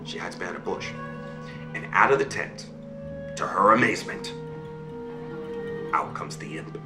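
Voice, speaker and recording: A man's voice: deep voice, animated, a little slow, reverberant, over music. A man telling a fairy tale to his child over a video call, voicing the characters and checking in with okay and right. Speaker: father telling a bedtime story.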